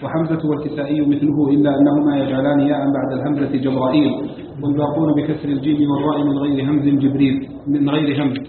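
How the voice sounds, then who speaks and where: Male student reader, rapid and flat, on a tinny recording with hall reverb. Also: on the high side, a little hiss or hum. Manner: rattles off lists in a monotone. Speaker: student reading the text aloud. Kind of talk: rapid reading of a scholarly text.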